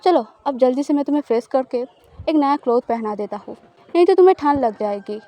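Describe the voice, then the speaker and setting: A woman plays a smug, possessive young spouse in an audio story, teasing and coaxing with a smile in the words. The voice is high but mellow and soft. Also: fairly quick.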